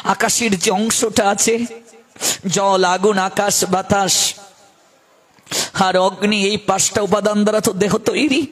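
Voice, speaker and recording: A woman's voice: medium pitch, steady tone, takes it slowly, long pauses, husky, voice pushed down. A man voicing a grieving young woman who pines for her absent beloved, speaking in a pleading, lamenting way. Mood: longing. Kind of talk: devotional storytelling.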